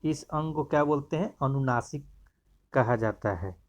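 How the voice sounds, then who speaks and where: A man's voice: medium pitch, normal speed. Man teaching in a slightly dull recording. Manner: explains step by step, pointing at examples. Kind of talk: Hindi grammar lesson.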